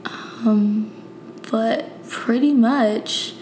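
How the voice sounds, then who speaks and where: A woman's voice: extremely slow, a little mellow. A young woman co-hosting a podcast, chatting casually and slangily, recorded in a kitchen. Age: young adult. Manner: informal, slangy. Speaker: podcast co-host. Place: kitchen of an apartment. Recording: echoey room, faint low rumble.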